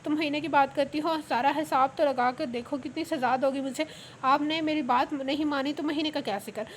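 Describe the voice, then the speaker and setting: Romantic pleading husband, read by a woman, high voice, flowery words, storybook reading, faint room hiss. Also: steady tone, brisk, lightly acted. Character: ardent young husband pleading for his wife's return.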